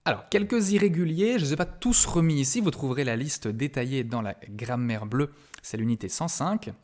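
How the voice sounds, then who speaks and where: A man's voice: mid-range voice, expressive, brisk, darkish tone. Man explaining a grammar lesson. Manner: patient, explanatory, with frequent fillers. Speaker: university English grammar lecturer. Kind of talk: recorded grammar lesson for students.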